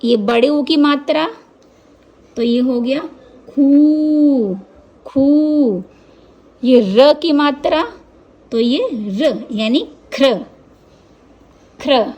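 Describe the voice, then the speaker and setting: Female teacher, high-pitched, very slow, deliberate syllable drills. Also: dull audio. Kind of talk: slow spoken lesson.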